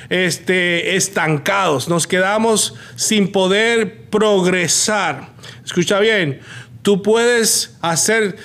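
A man with a high voice preaches on his motivational podcast. He speaks emphatically and repeats key lines, addressing each listener directly as a preacher would.

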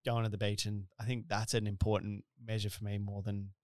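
A man's voice: lowish voice, little pitch movement, a little fast, no room sound, studio quality. A man in his thirties with a broad Australian accent, hosting a casual interview in a rambling, colloquial, blokey way. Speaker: podcast host and business owner.

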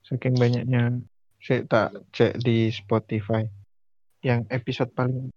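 A man of medium pitch hosts a casual podcast. The sound is dry and somewhat dull, with little high detail. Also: flat delivery, slow, a little mellow, no echo. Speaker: podcast host. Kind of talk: casual chat. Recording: dull, band-limited close recording.

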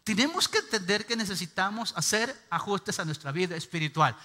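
Un hombre, pastor, predicando un sermón enfático y pidiendo a la congregación que repita sus frases. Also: male voice, sits high, lively intonation, a little fast, sharp tone, big-room sound. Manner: emphatic preaching, calls on the congregation to repeat. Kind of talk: sermon. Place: church.

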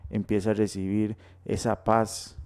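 A man's voice: fairly low pitch, level tone, a little slow, a little mellow. A man co-hosting a radio Bible teaching, exhorting listeners with long runs of repeated phrases. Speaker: radio co-host. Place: radio studio.

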